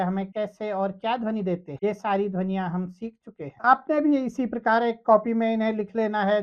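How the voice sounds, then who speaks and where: A woman teaching an instructional lesson, explaining calmly and then calling out letter sounds one at a time for drilling. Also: medium pitch. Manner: calls out letter sounds loudly and slowly for drilling. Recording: slightly dull lo-fi sound.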